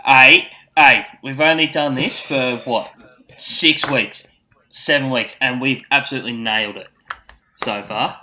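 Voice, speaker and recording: Bright, forceful blokey Australian man. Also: medium pitch, fairly even intonation, measured pace, a little hiss or hum. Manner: blokey, matey Aussie slang like a tradesman. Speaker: podcast co-host. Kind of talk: casual chat with mates.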